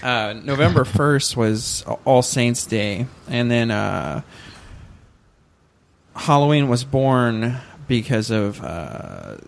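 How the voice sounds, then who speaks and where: A man of middle pitch on a casual podcast, recounting research he did. He talks hesitantly, with frequent fillers, and keeps stopping to correct himself. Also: sing-song, slow, vocal fry. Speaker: podcast co-host.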